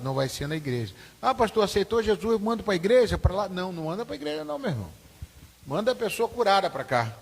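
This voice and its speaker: A male pastor teaches a Sunday school class in a loose, chatty way, repeating his points and checking in with listeners. His voice sits a little high and sounds husky. The long reverb of a church hall trails behind his words. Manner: informal, repetitive, asks the class questions.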